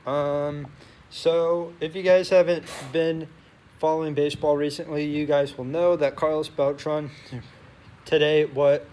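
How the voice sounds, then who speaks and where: Halting young man vlogging from a noisy locker room. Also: fairly high pitch, flat delivery, a little mellow. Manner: halting, rambling, self-correcting. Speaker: YouTube sports vlogger. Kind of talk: casual chat to camera.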